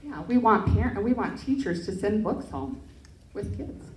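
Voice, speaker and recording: A woman's voice: mid-range voice, lively intonation, measured pace, darkish tone, a little hiss or hum. A woman presenting an education project and answering questions, earnest, with frequent fillers and restarts. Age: adult parent. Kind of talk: pitch presentation and Q&A. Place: event hall. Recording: echoey room, mic from far off.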